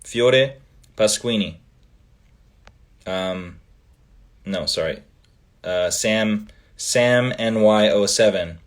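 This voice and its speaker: On a laid-back livestream, a Canadian host whose native tongue is Italian reads out fan comments with plenty of ums and pauses that trail off. His voice is fairly low in pitch.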